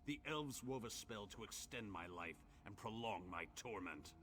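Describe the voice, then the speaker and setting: A man's voice: on the low side, animated, moderate pace, a bit bright, breathy edge. An actor playing an ancient imprisoned orc in a fantasy game, bitter and lovelorn, telling his tale in solemn, archaic, theatrical speech. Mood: sorrowful, bitter. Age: old. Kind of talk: dramatic fantasy game dialogue.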